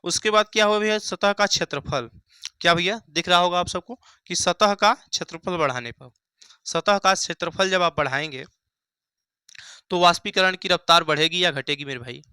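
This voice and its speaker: Bright, crisp male science teacher. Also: high voice, moderate pace, no room sound. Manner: asks the class questions and answers them himself; repeats key phrases, calls students "bhaiya" and "mere bhai". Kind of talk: Hindi science lesson at a board. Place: classroom at a board.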